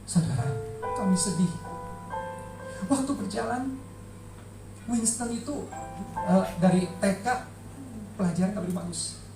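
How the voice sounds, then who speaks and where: A middle-aged man delivers an emotional church testimony, pressing hard on repeated words. He sounds a little distant from the microphone in a large, reverberant hall, with soft music faintly underneath. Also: sits high, expressive, unhurried, vocal fry, pauses often. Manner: heartfelt, emphatic, repeats words for stress. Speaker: church speaker giving a testimony.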